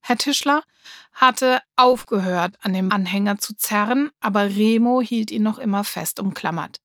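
A woman narrating a children's storybook in a lively, expressive way. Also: medium pitch, moderate pace, dry recording, clean studio sound. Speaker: audiobook narrator.

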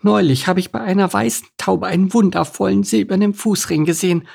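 A man's voice: high voice, brisk, creaky, a little mellow, slightly rough, pitched above the performer's own voice, full character voice. A man doing a coy girlish duckling. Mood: wishful. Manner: coy and wishful. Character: girlish, dreamy young female duckling.

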